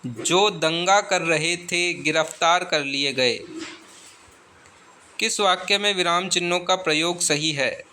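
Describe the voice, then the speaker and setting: A man's voice: high-pitched, pushed and bright, slight background noise. A man working as an exam tutor, reading out grammar questions and their answers. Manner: slow, deliberate reading of options.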